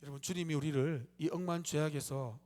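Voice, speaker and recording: A man's voice: on the high side, steady tone, fairly quick, darkish tone. A male pastor giving an evening church sermon, preaching with animation and acting out the complaints of the crowd in a raised voice.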